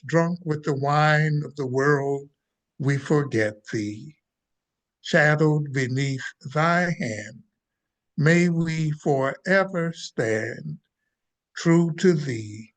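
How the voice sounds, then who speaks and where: A man giving a benediction as a minister, praying in a calm, gentle, solemn and deliberate manner. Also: on the high side. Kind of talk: prayer, benediction.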